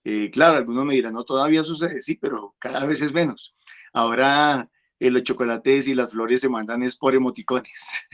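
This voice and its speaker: A man's voice: medium pitch, moderate pace. A man giving a conversational, reflective homily, with frequent fillers and repeated words. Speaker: preacher.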